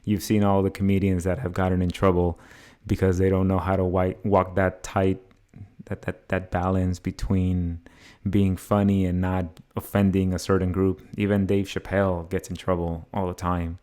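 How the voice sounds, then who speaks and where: Young male podcast host, deep steady voice, loose hesitant chat. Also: normal speed. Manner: relaxed, hesitant, many restarts. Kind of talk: casual conversation.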